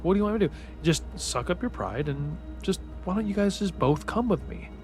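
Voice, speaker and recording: A man's voice: sits high, expressive, brisk, soft background music, voice pushed up. A man voicing a good-natured, easygoing male giant who keeps his promises, speaking in a pleading, exasperated way.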